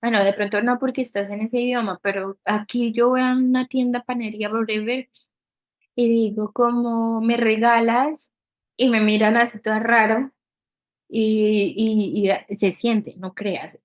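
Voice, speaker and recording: A woman's voice: on the high side, moderate pace. A woman, hosting a casual podcast chat and acting out little scenes as she talks. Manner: animated, acts out little scenes with quotes. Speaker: podcast host. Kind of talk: casual conversation.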